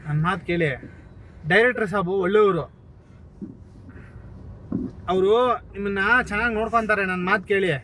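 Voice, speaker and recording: A man with a very high, bright voice keeps coaxing and teasing in a pushy way. He talks from inside a car, with a faint hum of the road behind him. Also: fairly even intonation, normal speed, long pauses. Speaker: prankster. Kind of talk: hidden-camera prank talk.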